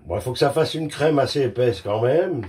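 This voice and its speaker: A man's voice: mid-range voice, lively intonation, fairly quick, a little mellow. A man chatting casually in a cooking vlog in his home kitchen, joking about his own mistakes, swearing freely and talking straight to the viewer while he works. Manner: joking, self-mocking, crude swearing. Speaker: home cook vlogger.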